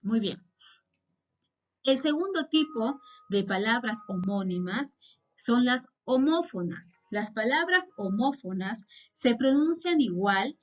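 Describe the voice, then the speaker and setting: A woman's voice: fairly high pitch, a bit bright. A woman teacher with a Peruvian accent, giving a patient classroom lesson and often checking in with short questions. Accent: Peruvian Spanish. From Peru. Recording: dull lo-fi sound.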